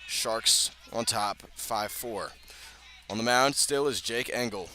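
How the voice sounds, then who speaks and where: An American man calls live baseball play-by-play on the radio from an outdoor ballpark, his fairly low voice slow, bright and forceful. Soft music plays in the background, and the ballpark ambience and noise come through clearly.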